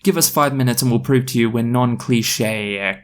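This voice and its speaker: A man's voice: medium pitch, normal speed, lightly acted. A man doing a melodramatic lovesick teen girl. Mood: theatrical.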